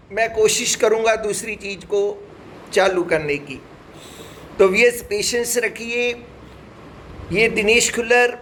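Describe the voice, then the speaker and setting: A middle-aged man teaching a spoken English lesson, speaking slowly and deliberately, spelling words letter by letter and often addressing his viewers. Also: extremely high pitch, a bit bright, a little hiss or hum.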